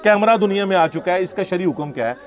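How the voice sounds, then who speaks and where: A Pakistani Islamic preacher gives an informal religious lecture, his high voice expressive and quick as he argues sarcastically through conversational rhetorical questions. Music plays behind him.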